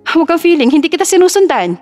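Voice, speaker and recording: Lady doing a sassy young woman in her 20s, higher voice, faint music behind. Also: fast talker, lightly acted. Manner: sharp-tongued, sassy. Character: feisty young woman, fresh college graduate.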